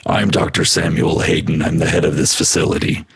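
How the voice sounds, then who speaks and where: A man's voice: rumbling low, little pitch movement, fairly quick, vocal fry. A man voicing an ominous robot doctor from a video game, grumbly and tube-like, through a robotic filter with a small echoing reverb. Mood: ominous, composed. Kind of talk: video game character lines.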